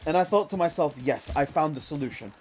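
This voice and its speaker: A man's voice: fairly high pitch, expressive, fast, darkish tone, a little hiss or hum. Rambling young man telling a gaming story. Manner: rambling, fillers like "what's it called", says "bro". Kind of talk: casual storytelling chat.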